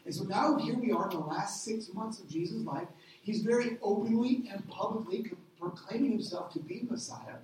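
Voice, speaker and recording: A middle-aged man preaching a sermon as a pastor, animated, asking rhetorical questions and acting out little voices. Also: high-pitched, normal speed, a little hiss or hum. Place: church hall. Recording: echoey hall, distant mic.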